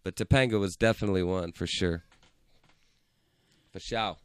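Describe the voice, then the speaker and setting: A man's voice: low voice, moderate pace, clear, resonant tone, dry recording. A young man hosting a casual podcast, laid-back and swearing freely with lots of "like" and "dude". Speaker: podcast host. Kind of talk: casual chat. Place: indoor room with cameras. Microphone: studio mic.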